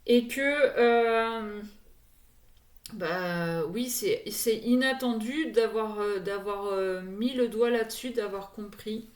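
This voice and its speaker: A woman's voice: on the high side, takes it slowly, roomy sound. A woman giving an oracle card reading to her viewers in a casual, hesitant way, full of fillers and restarts.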